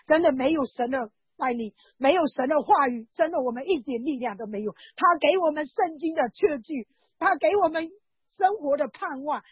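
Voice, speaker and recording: A woman's voice: high voice, expressive, moderate pace, dry recording, highs cut off. A woman giving an earnest, emotional religious testimony at church, repeating herself often.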